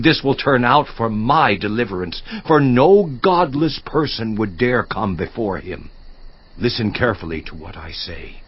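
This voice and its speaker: An actor delivers a dramatized scripture monologue as an anguished righteous man protesting his innocence, declamatory and impassioned, then dropping to hushed intensity. His tone is pleading yet resolute, at medium pitch with lo-fi sound.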